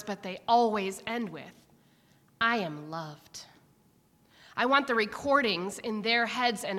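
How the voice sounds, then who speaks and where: A middle-aged woman preaching a sermon in church, reflective and warm, sometimes emotional. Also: on the high side. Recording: long reverb of a church hall.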